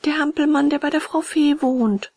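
Bengele, a woman doing a high raspy puppet boy. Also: normal speed, a little mellow, dry recording. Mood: pleading. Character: naughty young wooden puppet boy, fibbing and fretful.

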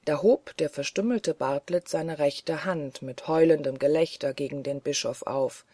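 An audiobook reader giving measured, scripted literary narration. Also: mid-range voice, mellow, no echo.

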